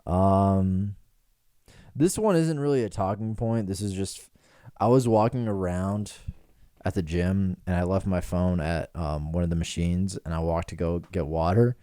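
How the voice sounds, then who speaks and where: A man's voice: deep voice, measured pace, dark tone, dry recording, clean studio sound. A man in his twenties hosting a podcast, rambling and riffing in casual joking chat in a small room with pillows dampening the sound. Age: 20s. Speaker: podcast host.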